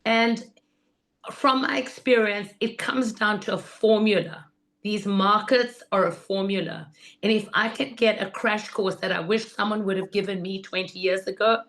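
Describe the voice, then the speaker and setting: Woman, hoarse rusty voice from laryngitis, mid-pitched, informal workshop teacher, enthusiastic, instructive. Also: a little slow, fairly bright tone, poor audio. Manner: enthusiastic, instructive, repeats 'in other words'. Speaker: guest teacher of market selling.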